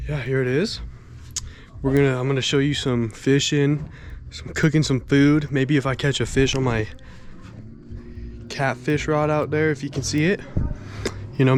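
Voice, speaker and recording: A man's voice: medium pitch, slight background noise. Young male vlogger, upbeat and slangy, shot on a phone outdoors by a lake. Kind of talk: casual vlog to camera.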